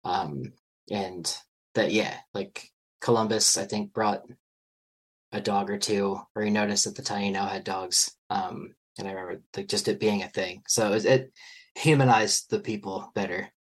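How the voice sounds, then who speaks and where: A man with a husky, breathy voice talks as a podcast guest. He rambles loosely, leaning on fillers and letting sentences fade out softly. It feels like an easy, unscripted chat. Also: on the low side, fairly even intonation, unhurried, poor audio. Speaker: guest anthropologist. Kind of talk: casual podcast conversation.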